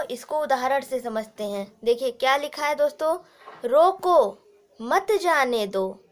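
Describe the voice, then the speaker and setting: A woman with an Indian accent teaching grammar, explaining slowly and repeating points while addressing viewers as friends. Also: high-pitched. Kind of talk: explanatory lesson.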